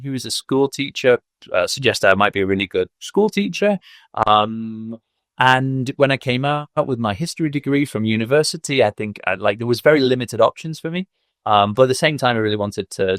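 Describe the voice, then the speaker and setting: A man's voice: medium pitch, no room sound, studio quality. A man in his thirties from Manchester with a Mancunian accent, reflecting on his career as a podcast guest, with frequent fillers. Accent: Mancunian English. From England. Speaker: guest, school owner. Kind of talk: podcast interview.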